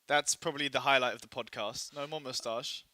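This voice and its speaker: A man's voice: mid-range voice, fairly even intonation, brisk, pushed and bright, dry recording. A man co-hosting a casual esports podcast in a studio, teasing and joking, his voice a little worn as he is losing it. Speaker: podcast co-host.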